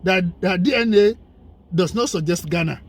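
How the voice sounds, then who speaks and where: A man with a high, slightly breathy voice speaks at a moderate pace as a guest commentator in a conversational discussion. He is emphatic and persuasive, stacking up lists and rhetorical questions to build his case.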